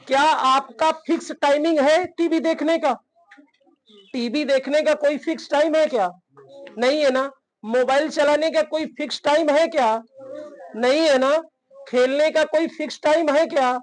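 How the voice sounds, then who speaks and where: Slow, high-voiced male Hindi teacher. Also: steady tone, rough recording. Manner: asks the class questions and answers them himself, with a frequent "theek hai na"; addresses learners as "beta". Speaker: English teacher. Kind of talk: spoken English lesson in Hindi.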